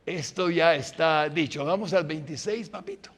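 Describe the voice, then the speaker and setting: An older male pastor delivering a sermon at a deliberate, unhurried pace. His voice sits a bit high for a man, and he swings between loud, emphatic bursts and quiet asides as he acts out exchanges in the middle of his preaching. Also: animated. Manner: dramatic, acts out dialogues with God, swings between loud and hushed.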